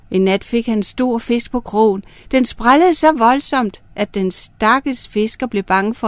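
A woman narrating star myths and a fairy tale for children, reading in a clear, gentle way. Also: mid-range voice, no echo. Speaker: storyteller.

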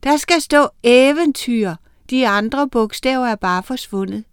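A bright young schoolboy from a storybook eagerly explains what he has worked out , voiced by a woman narrator. Her voice stays fairly high, and the recording is dry and close. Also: clear, resonant tone, no echo, natural voice.

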